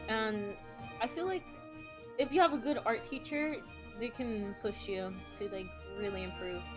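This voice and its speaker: A woman's voice: on the high side, measured pace. A young adult woman live streamer chatting casually in a rambling, self-deprecating, slangy way. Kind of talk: casual livestream chat. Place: indoors, solo at a computer on a voice call setup. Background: background music.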